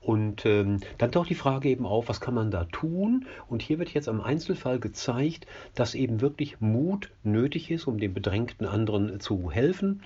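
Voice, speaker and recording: A man teaching a classic play scene by scene, in a measured, explanatory way with frequent hesitations, on a dull lo-fi recording. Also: mid-range voice, animated, warm tone, slightly rough.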